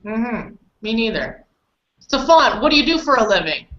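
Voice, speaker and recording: On a dull, roomy online group call held indoors, a woman with a Canadian accent teaches an informal English conversation lesson, restating points simply for learners. Her voice sits on the high side, very animated and fairly bright, at a normal speed, with a little hiss or hum present.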